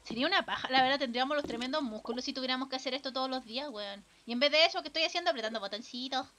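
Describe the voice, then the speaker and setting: Chilean girl streaming a farm game, high bright voice, swears a lot, faint noise behind. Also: very fast. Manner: casual, swears a lot, chats with viewers. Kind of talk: live gameplay commentary.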